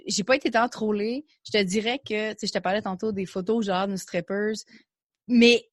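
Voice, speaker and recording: A woman's voice: medium pitch, steady tone, normal speed, no echo. Candid Québécois woman, dry close sound. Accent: Québécois French. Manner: candid, chatty, mixes in English words, many restarts. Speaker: podcast guest, entrepreneur. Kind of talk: casual interview chat.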